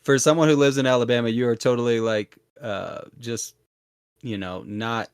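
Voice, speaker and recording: A man hosting a travel podcast, chatting in an easygoing, halting way and agreeing with his guest. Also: mid-range voice, fairly even intonation, smooth, no room sound, studio quality. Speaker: podcast host. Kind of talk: casual interview chat.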